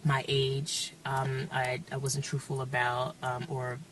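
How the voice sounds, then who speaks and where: A woman in her thirties, speaking in a documentary interview, hesitant with many pauses and fillers. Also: rumbling low, completely flat delivery, background noise. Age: 30s. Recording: distant mic with faint music.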